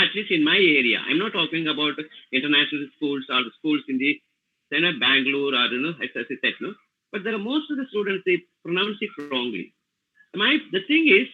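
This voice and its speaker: Halting Indian English man on a tinny call. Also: high voice. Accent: Indian English, Tamil Nadu. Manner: halting, many fillers and "you know, no?" tags. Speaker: language trainer. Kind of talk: webinar lecture. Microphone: video call. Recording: tinny phone-like call audio.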